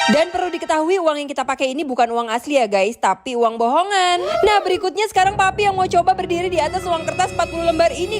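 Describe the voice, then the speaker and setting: Girl narrating family prank clips, super high voice, chatty, loud music behind. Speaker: narrator of family comedy videos. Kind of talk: casual narration to viewers.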